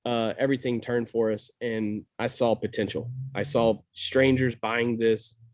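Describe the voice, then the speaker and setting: Male guest, mid-pitched, blunt and candid, dry close recording. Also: little pitch movement, unhurried, dry recording. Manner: blunt, candid, repeats words. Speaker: podcast guest, business owner. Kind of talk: casual interview chat.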